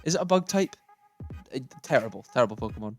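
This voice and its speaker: A man talks through a tier list in a loose, casual way, stating his likes and dislikes bluntly and thinking aloud as he moves things around. His voice sits at an ordinary middle pitch. Faint music plays underneath. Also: lively intonation, quick pace. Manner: opinionated, thinking aloud while sorting. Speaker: gaming YouTuber.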